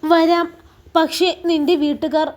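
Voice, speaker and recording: A woman's voice: very high-pitched, flat delivery, unhurried, darkish tone. A woman voicing a heartbroken young girl. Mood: sorrowful. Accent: Malabar Malayalam. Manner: sad, pleading, trembling lips.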